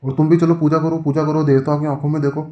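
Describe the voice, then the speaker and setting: A man voicing a sly old woman who coaxes young men into a sinister ritual in a sweet, falsely gentle tone. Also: on the high side, flat delivery, fast talker, natural voice. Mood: coaxing. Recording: roomy, muffled recording.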